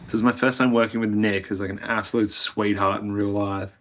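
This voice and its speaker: A man's voice: fairly low pitch, flat delivery, a little fast, fairly bright tone. An Australian man, an actor, talking casually in an interview.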